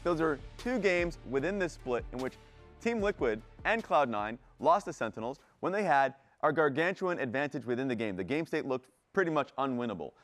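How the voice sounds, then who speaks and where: A man breaking down match footage as an esports analyst, animated and full of fillers. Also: mid-range voice, fairly quick, faint music behind. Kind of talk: analyst desk commentary.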